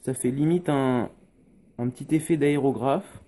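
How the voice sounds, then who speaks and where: A man's voice: mid-range voice, a little slow, dark tone. Hesitant man explaining hobby painting. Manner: hesitant, many fillers, explains step by step. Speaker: miniature painting tutor. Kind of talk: casual painting tutorial. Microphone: phone.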